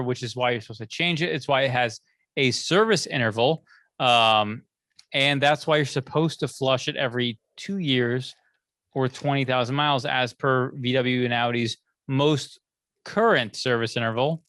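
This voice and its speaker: A man's voice: mid-range voice, moderate pace, a bit bright, no room sound. A middle-aged man chats casually on a podcast, his voice recorded close and dry with no room around it. He rambles loosely, circling back and restarting his sentences as he goes. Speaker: podcast co-host.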